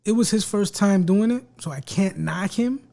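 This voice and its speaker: A man hosting a casual podcast chat, joking and swearing, speaking softly into a close mic. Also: sits high, moderate pace, gravelly. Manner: joking, profane, talks quietly and projects for the mic. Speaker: podcast host.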